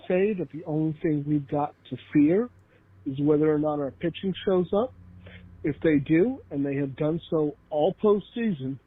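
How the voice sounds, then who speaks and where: A man's voice: a little high, husky, dry recording. A man leaving a casual, upbeat, joking voicemail as a caller to a sports talk show, heard as a phone message. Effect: voicemail played over a phone line. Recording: tinny, dry phone voicemail.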